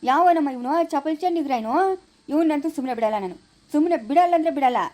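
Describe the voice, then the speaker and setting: An angry young son, acted by a woman blusters threats in a Chikkaballapura Kannada accent. The delivery is rapid and high-pitched, with a dark, mellow tone, like a rustic village comedy skit. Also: natural voice. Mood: furious. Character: hot-tempered young son defending his mother.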